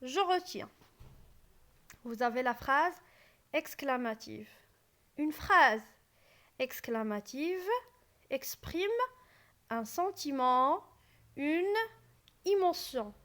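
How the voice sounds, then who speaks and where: A woman explaining French grammar in a slow classroom style, repeating key phrases and asking the class rhetorical questions. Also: sits high, animated, bright, forceful tone.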